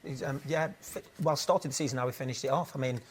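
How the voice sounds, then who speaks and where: A man's voice: mid-range voice, fairly even intonation, fast, slight background noise. A man analysing football in a studio, hesitant and full of ums. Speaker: football pundit. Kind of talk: studio punditry chat.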